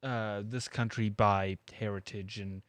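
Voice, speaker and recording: Laid-back low-voiced South African guy. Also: steady tone, a little slow, dry recording. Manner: laid-back, questioning, heavy fillers like "dude", "bro" and "like". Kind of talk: casual sports chat.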